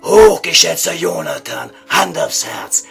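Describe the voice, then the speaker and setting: A man playing a pompous, evasive old vampire count in a comedy audio sketch, speaking formal, ornate standard German with a gravelly voice. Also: fairly high pitch, huge pitch swings, unhurried, a bit bright, soft background music, exaggerated voice. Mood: haughty. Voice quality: gravelly, creaky.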